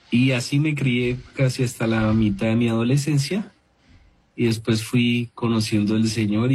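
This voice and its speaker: A man in his thirties giving a relaxed, earnest testimony about his faith as a guest. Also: medium pitch, breathy edge. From Colombia. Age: 30s.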